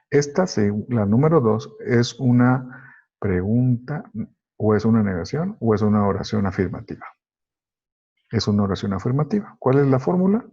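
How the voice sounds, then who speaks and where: A man whose first language is Spanish leads a grammar lesson, walking through each sentence slowly and methodically. His voice is low, mellow and a little husky. The recording sounds dull and lo-fi. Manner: slow, methodical, explains step by step. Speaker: English teacher.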